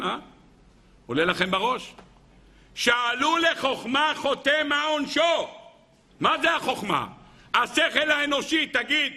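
A man delivers a sermon to a gathered audience, his voice gravelly and edged with fry. He keeps asking the listeners rhetorical questions and acts out short everyday dialogues. His tone is bright and sharp. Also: high voice. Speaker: religious lecturer.

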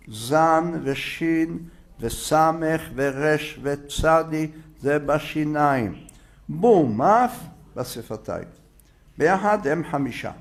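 A man teaching a religious lesson, sounding out letters and repeating words for emphasis. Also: on the high side. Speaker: rabbi teaching a Torah lesson.

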